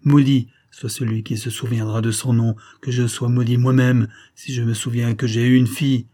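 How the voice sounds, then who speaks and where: Man reading as a fierce old priest, grave and somber, mellow husky voice, audiobook. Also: medium pitch, little pitch movement, moderate pace, natural voice. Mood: grim.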